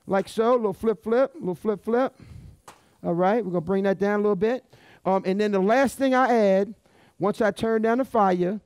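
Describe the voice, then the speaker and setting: A man's voice: sits high, darkish tone, dry recording. A middle-aged man, hosting a live cooking show as a chef in a folksy showman's way, talking straight to his audience on a headset mic. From Louisiana. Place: restaurant dining room stage, indoors.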